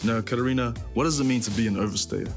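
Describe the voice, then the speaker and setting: Fast-talking young reporter guy. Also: medium pitch, soft background music. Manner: brisk, slangy. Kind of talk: casual interview.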